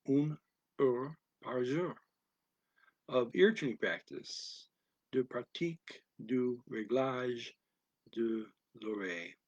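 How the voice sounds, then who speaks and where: A male language teacher works phrase by phrase, alternating each line with its translation in a soft voice that sometimes sinks almost to a whisper. He speaks extremely slowly with a husky, breathy tone. The sound is dry and close, with no room around it. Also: mid-range voice, no room sound, low-quality recording. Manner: deliberate, alternates each English phrase with its French version.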